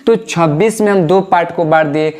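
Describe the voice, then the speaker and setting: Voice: mid-range voice, moderate pace, a little mellow. An English teacher giving an online lesson, who keeps asking questions, answers them, repeats key points and calls the viewers "babu". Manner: drills pronunciation aloud.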